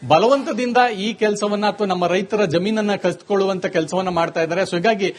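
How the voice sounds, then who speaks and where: High-voiced male reporter on a live link. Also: a little fast. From Karnataka, India. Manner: fluent reporting with frequent hesitation fillers. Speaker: political reporter. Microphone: phone or remote live link.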